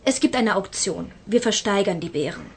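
A woman's voice: medium pitch, lively intonation, moderate pace, husky. A woman playing an earnest, courteous project spokeswoman in a scripted interview for a language course. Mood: earnest, informative.

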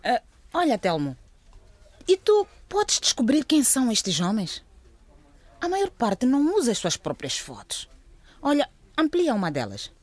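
A woman's voice: fairly high pitch, wildly swooping pitch, measured pace, pauses often, no room sound, heavily acted. An actress playing an earnest, questioning female police agent in a radio drama. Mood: inquisitive. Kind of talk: scripted radio drama acting.

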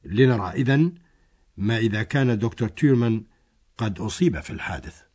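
A man's voice: on the low side, animated, brisk, a little mellow. A man narrating a scripted language lesson, explaining a dialogue step by step.

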